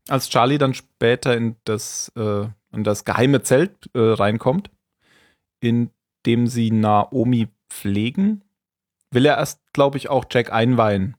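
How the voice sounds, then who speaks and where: A man's voice: medium pitch, a little mellow, no room sound. Male podcast host, dry sound. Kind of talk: casual episode recap.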